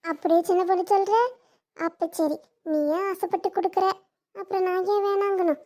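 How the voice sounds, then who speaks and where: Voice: very high-pitched, fairly even intonation, normal speed, warm tone. Woman playing a sly freeloading aunt. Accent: southern Tamil Nadu. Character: middle-aged aunt, freeloading relative.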